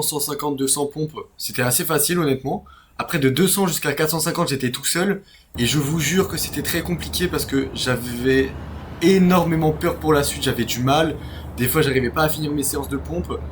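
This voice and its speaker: A young man who sounds tired, talking casually and in slang to his viewers as a challenge vlogger. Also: mid-range voice. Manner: slangy, colloquial. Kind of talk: casual vlog talk to viewers. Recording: noisy on-location vlog audio.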